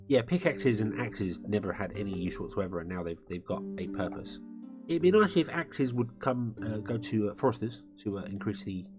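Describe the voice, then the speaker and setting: A man giving live commentary on a game while he plays, rambling and thinking aloud. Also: fairly low pitch. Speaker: game streamer. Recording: music playing under the voice. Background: guitar music.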